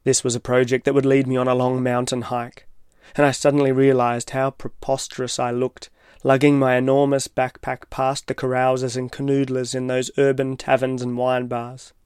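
A man reading his own reflective, literary personal essay as scripted narration, in a measured way. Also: medium pitch, monotone, clean tone, no room sound, clean studio sound. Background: soft guitar music.

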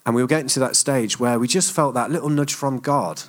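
A man's voice: medium pitch, fairly quick. A middle-aged man from England preaching, telling anecdotes in a chatty, self-deprecating way. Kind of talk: sermon storytelling.

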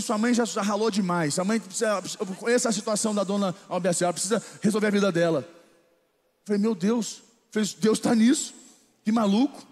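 A man with a Brazilian Portuguese accent preaching a sermon, telling a lively story and then leading a slow prayer. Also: high voice, big-room sound. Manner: animated storytelling, turning slow and solemn in prayer. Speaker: pastor.

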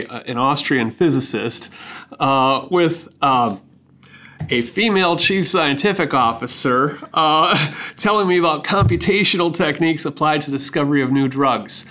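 A man's voice: mid-range voice, sharp tone. A man speaking as a podcast host, moving between promotional reads and casual interview talk.

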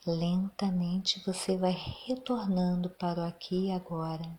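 This is a woman leading meditation with a Brazilian accent, her tone steady and her pitch lowish. She speaks very slowly and calmingly, softly and breathily, close to a whisper, and there's a slight hiss or hum in the recording.

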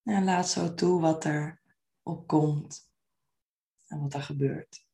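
Speaking slowly, a woman guides a meditation with gentle, unhurried phrasing. Her voice is low and very even, soft and soothing, with a creak that creeps in as each phrase ends.

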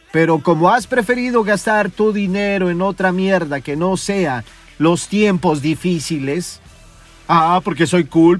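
A man hosting a podcast, delivering a profane, scolding motivational rant and mocking his listeners. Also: high voice. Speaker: podcast host. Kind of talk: ranting motivational monologue.

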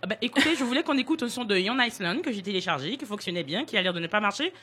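A woman speaks rapidly as she earnestly explains a point in a casual panel talk. Her voice sits at a mid pitch. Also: lively intonation, bright, forceful tone, breathy edge.

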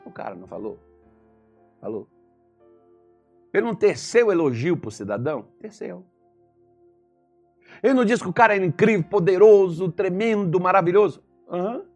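A man's voice: high voice, moderate pace, long pauses, soft background music. A Brazilian man preaching as a pastor, telling stories and firing rhetorical questions. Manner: animated storytelling, rhetorical questions. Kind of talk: sermon.

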